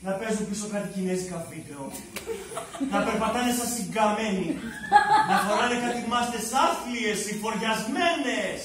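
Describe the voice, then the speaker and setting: A man on a stage pours out a bitter, sarcastic monologue in a very high voice, swinging between loud rants and low mutters. He is captured from far off in a strongly echoing room, with audible background noise. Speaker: stage actor performing a monologue. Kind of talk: live theatre monologue. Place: drama school stage. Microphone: far room mic. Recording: very echoey distant stage recording with noise. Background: audience laughter.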